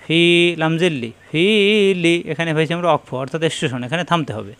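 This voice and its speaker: A man's voice: a little high, fairly bright tone. A man teaching Quran recitation, patiently spelling out syllables and explaining where each sound is made. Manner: patient, repeats syllables slowly and explains mouth positions; slow drawn-out chanted recitation. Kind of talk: slow spelling-out recitation lesson.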